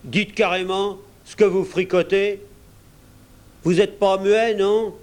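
A man's voice: high voice, little pitch movement, slow pace, a little mellow, voice pushed up. A man voicing an old one-legged pirate cook, cunning and menacing, with blustering, coarse sailor's talk. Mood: thundering.

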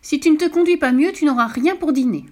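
A woman voicing a kind male fox in a children's story who nurses a sick cow, speaking high and anxiously. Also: very animated, moderate pace. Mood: scolding.

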